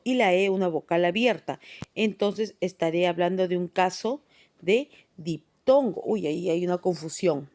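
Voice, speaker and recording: Slow-speaking woman teacher, patient. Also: fairly low pitch, darkish tone. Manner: patient, explains step by step with frequent tag questions. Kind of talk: classroom grammar lesson. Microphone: phone voice recorder.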